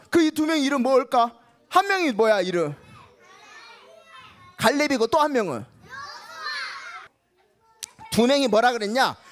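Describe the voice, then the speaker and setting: A woman teacher telling a Bible story to young children, animated, asking them questions and acting out the voices. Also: high-pitched. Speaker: kindergarten teacher.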